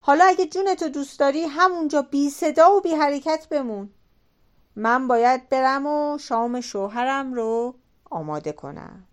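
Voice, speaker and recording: A woman voicing the giant's cautious wife in an audiobook folk tale, giving urgent, low warnings. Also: steady tone, darkish tone, natural voice.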